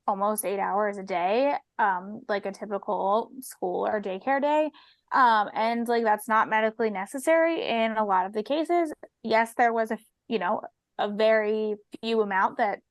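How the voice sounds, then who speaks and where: A woman co-hosting a podcast, her voice sitting mid-range. She talks casually, with plenty of ums and you-knows. The recording is dry, with no room echo. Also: medium pitch. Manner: explains with many fillers like um and you know. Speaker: podcast co-host.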